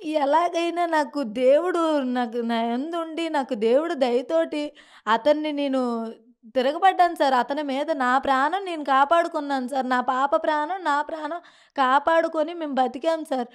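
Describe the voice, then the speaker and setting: A woman's voice: sits high, moderate pace. A young woman from Srikakulam with a Srikakulam Telugu accent, giving distressed, pleading testimony in an interview and keeps addressing the interviewer as sir. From Srikakulam, Andhra Pradesh. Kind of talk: emotional testimony.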